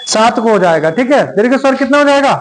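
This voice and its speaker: A male teacher giving a grammar lesson, dictating slowly and repeating phrases word by word. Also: very high voice, animated, slight background noise.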